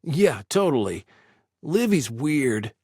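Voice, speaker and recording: A man's voice: medium pitch, big pitch swings, slow, darkish tone, breathy edge, dry recording, studio quality, exaggerated voice. A man voicing a blunt, easygoing teenage boy in an audiobook, speaking offhand and casual.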